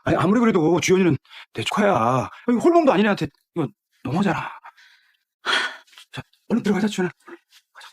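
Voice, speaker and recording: A weak-willed middle-aged uncle in a dubbed TV drama. His husky voice bobs up and down as he fusses and soothes. He tries to calm everyone down. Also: sits high, fast, long pauses, full character voice. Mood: placating. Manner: fussing, soothing, evasive.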